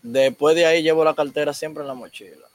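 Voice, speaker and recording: A man's voice: fairly high pitch, steady tone, brisk, a crowd in the background. A man chatting casually among friends.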